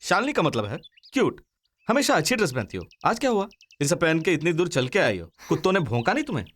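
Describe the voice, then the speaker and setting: For a Hindi film dub, a man voices the male lead, a cheeky young man who playfully teases his sweetheart and laughs often while talking. His voice is fairly high, sing-song and fairly bright, and he speaks at a quick pace.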